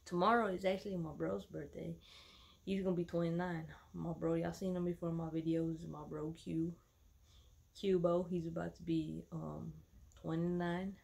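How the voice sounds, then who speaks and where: A vlogger from Dallas, Texas, in her thirties, talks to her followers from home in a loose, slangy, rambling manner. Her voice is on the low side and gravelly, darkish and breathy-edged, held at a level tone and moderate pace.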